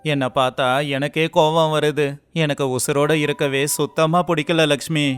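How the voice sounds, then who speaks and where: A man's voice: fairly high pitch, flat delivery, moderate pace, clear, resonant tone, faint music behind, close to an everyday voice. A man playing a poor, earnest fisherman. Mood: despairing. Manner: earnest and emotional. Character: poor young fisherman, despairing but kind.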